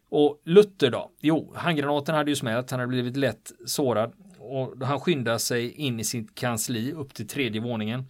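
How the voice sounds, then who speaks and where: A man of medium pitch tells a wartime story in a relaxed, conversational way. He retells it vividly, with plenty of drive, and slips into the quoted lines of the people in the story. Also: dry recording. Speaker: storyteller recounting wartime history. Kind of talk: casual spoken history telling. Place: on the island where the events happened.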